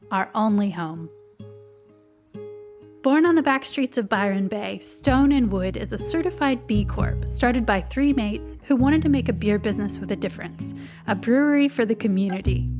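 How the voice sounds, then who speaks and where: Woman podcast host, measured sponsor read, mid pitch, guitar bed. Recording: ad read over guitar music. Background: guitar music.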